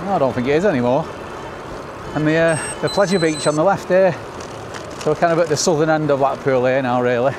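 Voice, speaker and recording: Pedalling outdoors, a middle-aged vlogger with a northern English accent chats casually about the ride like an upbeat travel host. His voice is on the high side and his pace is quick. Expect a noisy recording full of wind and traffic.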